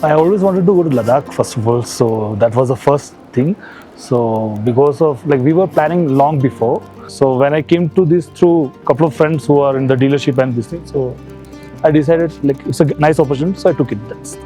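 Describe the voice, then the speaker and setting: A man giving a casual, unscripted testimonial as a trip participant, in halting, loose phrases. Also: mid-range voice, mellow, faint music behind, low-quality recording.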